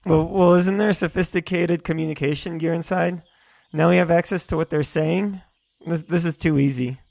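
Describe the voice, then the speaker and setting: A woman's voice: on the low side, fairly even intonation, normal speed, creaky, a little mellow, no echo. A woman voicing a nervous young male soldier who stammers and repeats his words. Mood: uneasy. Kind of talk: storybook character voice.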